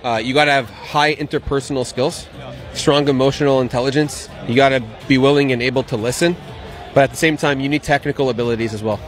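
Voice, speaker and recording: Out on a patio at an event, an investment banking business owner around thirty responds to questions about his work, speaking quickly with fairly even intonation. His voice is mid-range, picked up on a handheld interview mic with faint music in the background.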